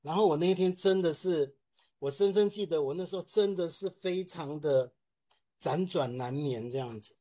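Animated man telling a testimony. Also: fairly high pitch, moderate pace. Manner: animated storytelling, acts out quotes. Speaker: film director giving testimony. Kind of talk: church testimony.

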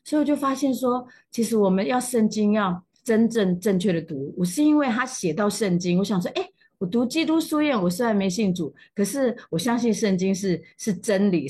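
A woman with a Taiwanese Mandarin accent, middle-aged; breathy, husky tone, emotional testimony storytelling. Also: medium pitch, a little mellow. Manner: emotional storytelling, voice jumping up at moving moments. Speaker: church testimony speaker. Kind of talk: personal faith testimony.

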